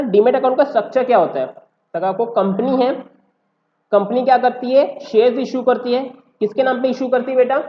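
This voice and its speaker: A man teaching tax law in a lecture, mixing Hindi and English and answering his own questions. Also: high-pitched. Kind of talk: classroom lecture. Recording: roomy, dull lo-fi sound.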